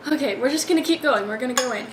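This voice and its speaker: A woman's voice: sits high, very fast, distant mic. A young woman chatting casually through a food challenge, her mouth burning from spicy food. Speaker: vlogger. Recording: noisy echoey room, clattering dishes.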